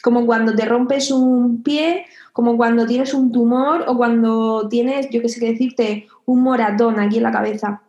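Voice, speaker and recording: A young woman in her twenties being interviewed, telling a personal story in a hesitant, reflective way with many pauses and fillers. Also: on the high side, steady tone, darkish tone. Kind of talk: personal testimony. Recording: echoey room, dull lo-fi sound.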